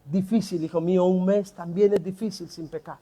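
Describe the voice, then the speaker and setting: A man preaching who voices a patient, wise father gently answering his son's questions in a story. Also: high-pitched, steady tone, moderate pace, pitched below the performer's own voice, close to an everyday voice. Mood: gentle, patient.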